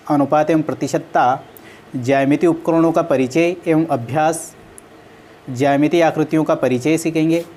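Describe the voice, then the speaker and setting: A woman's voice: sits low, mellow. A woman teaching a maths class on video, patiently going through number names one at a time and correcting common mistakes.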